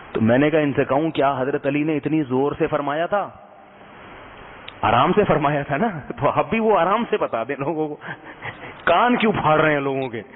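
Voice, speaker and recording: A man giving a conversational sermon to a live audience, mixing jokes with advice and often checking that listeners are following. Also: fairly high pitch. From Pakistan. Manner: humorous, asks the audience questions often. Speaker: Islamic scholar giving a sermon. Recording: tinny phone-like sound with long hall reverb.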